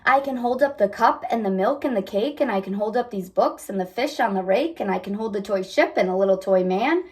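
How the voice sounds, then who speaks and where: A woman's voice: mid-range voice, animated, brisk, a little mellow, natural voice. A woman voicing a playful, boastful male cat in a storybook, in a showy, coaxing singsong. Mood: showing off.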